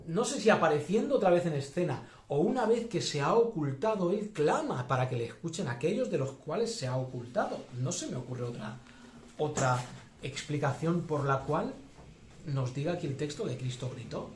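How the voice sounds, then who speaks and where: A man's voice: fairly high pitch, a little mellow. A man preaching a sermon as pastor, thinking aloud with many fillers and restarts. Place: church hall. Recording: echoey church hall.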